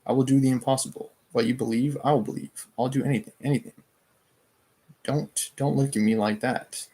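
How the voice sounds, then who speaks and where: A man's voice: mid-range voice, steady tone, fairly quick, mellow, husky, natural voice. A man reading the lines of a suave, scheming older nobleman who pleads insistently, in his own everyday voice. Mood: pleading.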